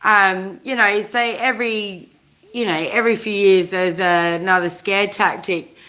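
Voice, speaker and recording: A woman's voice: medium pitch, fairly even intonation, measured pace, sharp tone. A woman in her forties with a South Australian accent, rambling through a chatty live-stream rant, correcting herself and greeting viewers mid-sentence.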